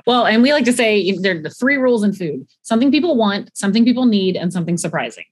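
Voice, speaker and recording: A woman with a medium-pitched voice hosts a casual interview. She mostly offers short affirmations, then explains practical tips in a plain, conversational way. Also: lively intonation, fast, slightly rough.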